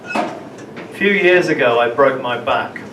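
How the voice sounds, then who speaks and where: At an open mic night, a man from London, England performs spoken-word storytelling in a mid-range voice, halting, restarting, and repeating words mid-sentence. He sounds distant from the mic, his voice echoing around a live room over a steady crowd murmur.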